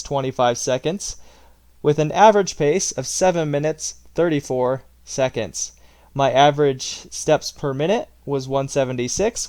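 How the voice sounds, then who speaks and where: A man giving a vlog-style training recap, reading out stats in a matter-of-fact, somewhat halting way. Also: medium pitch, darkish tone. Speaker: running vlogger.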